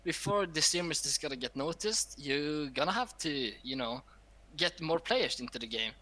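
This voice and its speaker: A man on a gaming talk show panel, giving his opinions in loose, casual chat with some drawn-out phrasing. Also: fairly high pitch, lively intonation, sharp tone.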